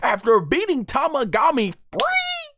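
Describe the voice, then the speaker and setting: A man doing excited anime fight commentary in hyped wrestling-style banter, often stammering and restarting. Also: very high-pitched, unhurried.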